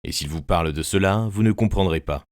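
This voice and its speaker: A man's voice: low voice, a little fast, no echo, studio quality, natural voice. A man playing a confident male doctor who gives firm hypnotic commands. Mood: commanding.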